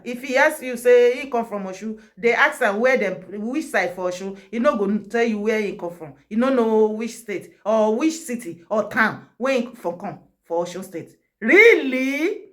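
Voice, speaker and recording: A woman's voice: a little high, lively intonation, normal speed. A woman from Ekiti with a Nigerian accent, delivering impassioned commentary, scolding and repeating words for emphasis. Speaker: vlogger. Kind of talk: impassioned commentary in Pidgin and Yoruba.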